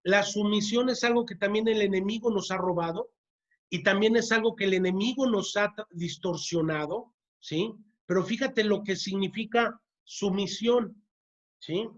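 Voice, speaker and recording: The church teacher in this parenting class talks a little slowly in a mid-range voice, captured on dull audio. She often checks in with "¿sí?" and hammers home key words by repeating them.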